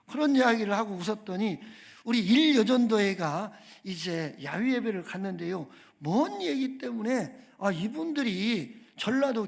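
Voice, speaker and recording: A guest pastor preaches emphatically in a church sanctuary, his high-pitched voice gravelly. He calls for amens and puts questions to the congregation.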